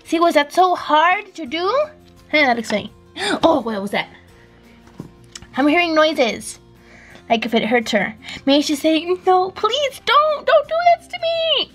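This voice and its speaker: A woman chatting casually in a vlog, excitable and fretful, gasping as she handles her dolls. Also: sits high, a little slow, slightly rough, faint music behind. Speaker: doll vlogger.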